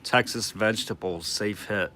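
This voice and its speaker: A man hosting a live online auction, chatting casually with viewers between quick bid calls. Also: lowish voice, pushed and bright, a little hiss or hum. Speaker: livestream auctioneer.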